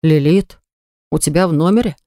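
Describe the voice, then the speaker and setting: A woman voicing an anxious younger brother who pleads in a hurry, trying to calm everyone down. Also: low voice, fairly quick, clear, resonant tone, no room sound, clean studio sound, natural voice. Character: younger brother, anxious peacemaker, talks fast.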